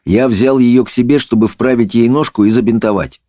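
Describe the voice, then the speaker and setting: A man plays a gentle, reasonable wizard in a fairy tale, answering accusations patiently in a slightly raised voice. He stays calm and plain-spoken. The sound is dry and close. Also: mid-range voice, brisk, no room sound, voice pushed up, close to an everyday voice. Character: calm, kindly male wizard.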